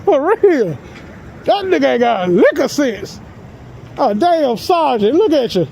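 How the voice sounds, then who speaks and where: High-voiced mocking man filming on a sidewalk. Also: sing-song, unhurried, gravelly, a little mellow, slight background noise, low-quality recording. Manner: mocking, taunting, laughs often. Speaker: citizen filming police. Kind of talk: confrontational street talk. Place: outdoor public sidewalk by a street. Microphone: handheld camera he is filming with.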